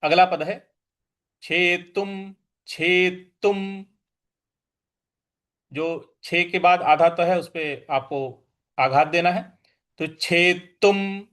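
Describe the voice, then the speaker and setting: A man teaching Sanskrit verse recitation, saying each word slowly and repeating it before explaining how to pronounce it. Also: a little high, fairly even intonation, fairly bright tone. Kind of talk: slow syllable-by-syllable recitation lesson.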